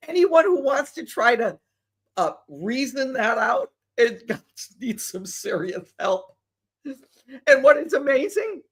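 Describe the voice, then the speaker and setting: A woman hosts her own show in a casual solo monologue. She takes her time, and her pitch rises and falls a lot. She pushes her points with skeptical rhetorical questions and asides. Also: husky. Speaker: show host.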